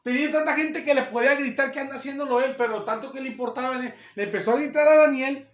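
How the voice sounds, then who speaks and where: A man's voice: very high voice, steady tone, fast, a bit bright. A man preaching a sermon in a church, explaining earnestly and repeating his phrases. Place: church hall. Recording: echoey room.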